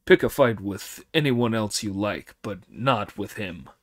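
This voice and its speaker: A man voicing a wily monkey king who poses as an old demon king, in a slow, sly, mock-grave manner. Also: lowish voice, lively intonation, voice pushed down.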